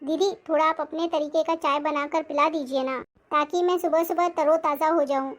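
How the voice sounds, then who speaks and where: High voiced young sister-in-law played by a woman, sly n lazy, always making excuses, family drama. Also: fairly even intonation, moderate pace, natural voice. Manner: sweet-talking, making excuses. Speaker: actor.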